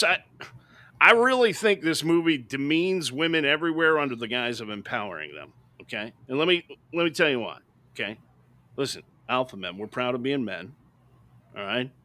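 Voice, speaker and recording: This middle-aged podcast co-host has a medium-pitched, bright, forceful voice. He rants emphatically while reviewing movies, frequently tossing in "right?" during the opinionated chat.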